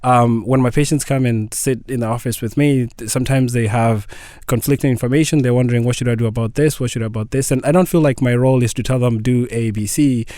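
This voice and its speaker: A man speaks as a radio guest in a close, dry studio sound. His voice sits at a middle pitch, and he explains things in an earnest, patient way. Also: steady tone, fast talker, dark tone, no room sound. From Kenya. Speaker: guest, family nurse practitioner. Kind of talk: radio interview.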